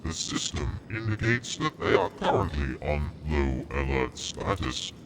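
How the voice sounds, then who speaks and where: A man voicing a formal, humble male servant in dialogue through a deep metallic robot voice filter on his mixer. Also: very animated, a loud crowd, full character voice. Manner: formal, deferential, measured. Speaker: gaming streamer. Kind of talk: voicing game dialogue live. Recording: loud noise under a filtered voice.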